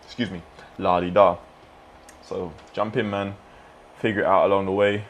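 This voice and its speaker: A man's voice: fairly low pitch, steady tone, brisk, lo-fi sound, a little hiss or hum. A man chatting casually in a vlog, laid-back and rambling, often tossing in "man" and "you know". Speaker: fitness vlogger and streamer. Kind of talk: casual mukbang vlog chat.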